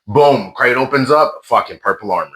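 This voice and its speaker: A man telling stories in a casual gaming chat, animated and exasperated, swearing freely. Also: medium pitch, normal speed.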